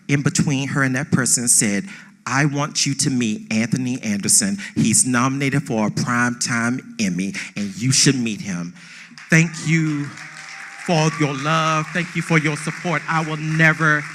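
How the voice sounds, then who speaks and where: On stage at a theatre awards ceremony, a man gives an emotional acceptance speech off the cuff, speaking emphatically and repeating phrases for effect. His voice is mid-range and a bit bright.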